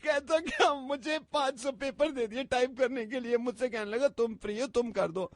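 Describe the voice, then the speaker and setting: A woman's voice: high voice, normal speed, no room sound, clean studio sound, lightly acted. A woman on a prank call playing a tearful young woman who whines about her boss and repeats herself. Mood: whiny. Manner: whiny, sobbing, repeats herself. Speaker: prank caller.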